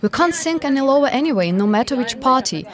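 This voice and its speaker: A woman's voice: high voice, expressive, fast, crowd noise. A woman answering in a street interview in a blunt, exasperated way.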